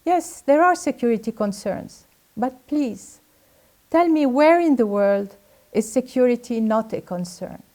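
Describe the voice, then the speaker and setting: A woman's voice: fairly high pitch, lively intonation, measured pace, a little mellow. An older woman from Lebanon delivering a formal, earnest graduation speech that urges her listeners on. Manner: earnest, exhorting. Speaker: graduation speaker.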